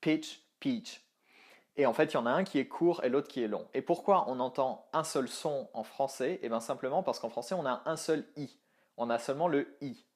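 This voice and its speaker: A man's voice: medium pitch, fairly quick. A young man giving a casual online lesson, thinking aloud with many fillers and restarts. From France. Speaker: language teaching coach.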